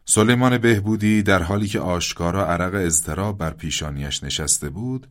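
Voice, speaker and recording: A man narrating a satirical story in a mock-formal tone with hushed asides. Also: sits low.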